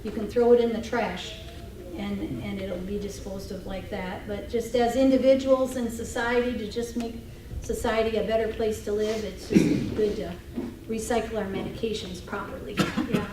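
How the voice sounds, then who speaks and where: A woman's voice: mid-range voice, steady tone, moderate pace. A woman, a free clinic representative talking earnestly to a club meeting, with many ums and restarts. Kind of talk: casual talk to a club meeting. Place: meeting room. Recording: echoey room, distant mic, noisy.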